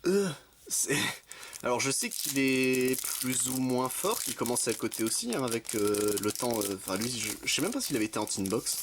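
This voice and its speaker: Chatty young male host, steady mid voice, reads card lists with quick self-corrections over faint background hiss. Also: mid-range voice. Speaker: card-opening video host. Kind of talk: casual commentary while opening card packs.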